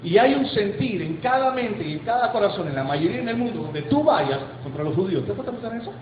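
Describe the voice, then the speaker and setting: A man preaching as pastor, emphatic, asking rhetorical questions and slowing down for effect. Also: sits high, lively intonation, echoey room, highs cut off, noisy background. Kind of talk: sermon. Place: church sanctuary.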